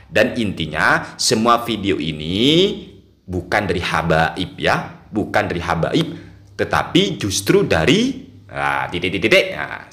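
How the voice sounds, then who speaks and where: A man's voice: low-pitched, fairly bright tone, roomy sound. A man giving casual video commentary in a mocking tone, laughing often and drawing out his exclamations.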